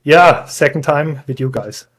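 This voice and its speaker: Speaking on the high side and unhurried, this young man from Switzerland is a podcast guest on a video call, laughing a lot and self-deprecating in a relaxed interview chat. A crowd can be heard behind him.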